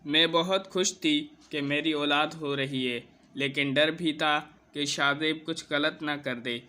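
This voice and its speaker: A man with a fairly high, bright, forceful voice tells a personal story in the first person. His delivery is steady and earnest, one event after another. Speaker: narrator.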